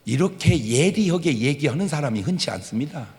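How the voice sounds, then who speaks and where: A man's voice: on the high side, a little fast. A middle-aged man with a Chungcheong accent preaching a humorous Sunday sermon, acting out conversations in regional dialects. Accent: Chungcheong Korean. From Chungcheong, Korea. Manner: animated storytelling, acting out dialogue and dialects for laughs. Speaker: pastor. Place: church sanctuary. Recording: reverberant church hall.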